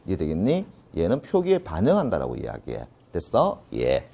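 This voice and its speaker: A man's voice: low voice, huge pitch swings, vocal fry, dark tone, a little hiss or hum. A male teacher giving a grammar lecture, often checking in with students and answering his own questions, drawing out key terms. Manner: constant check-in questions, answers them himself; drawn-out stressed key terms.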